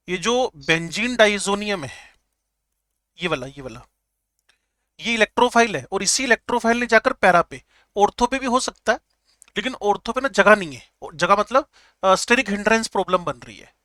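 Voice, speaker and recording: A male chemistry teacher lectures with jokes and slow repetition of key terms. His voice sits high and sounds bright and forceful, recorded dry and close. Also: dry recording. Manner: jokey, repeats key terms slowly. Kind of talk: classroom lecture.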